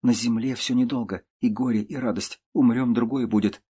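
A man voicing a meek, gentle young woman who speaks softly and humbly, in an audiobook reading. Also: mid-range voice, fairly even intonation, normal speed, husky, close to an everyday voice. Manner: soft, humble, tearful.

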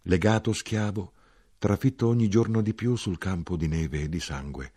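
A man doing a hushed, grieving soldier. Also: moderate pace, husky. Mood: mournful. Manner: low, hushed and sorrowful. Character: weary grieving soldier, middle-aged man.

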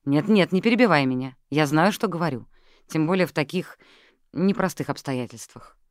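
A woman's voice: sits low, animated, moderate pace, no echo, clean studio sound. A reader voicing an older woman who insists and reassures her younger friend. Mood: insistent.

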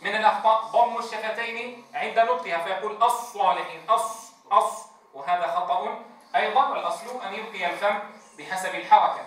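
Quran teacher, man, drills letter sounds; distant mic, echoey room, faint hiss. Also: sits high. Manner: drawn-out demonstrations of letter sounds, asks the class questions. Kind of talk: tajweed lesson with call-and-response drills.

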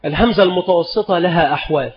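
Male lecturer, high voice, patient and repetitive delivery, dull lo-fi recording. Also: slight background noise. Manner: slow, deliberate, repeats each rule and example. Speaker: Islamic scholar teaching spelling rules. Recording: dull lo-fi recording in a reverberant hall.

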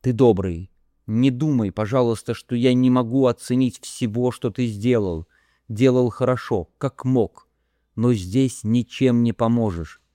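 A man reading an audiobook who voices a fragile, tearful young woman, pleading and halting as she breaks down. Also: mid-range voice, mellow, no echo, clean studio sound, voice pushed up, close to an everyday voice. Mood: quiet, sorrowful.

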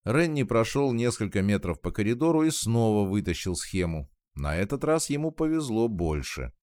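A man reading a story aloud in scripted, expressive narration. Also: on the low side, moderate pace, dry recording. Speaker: audiobook narrator.

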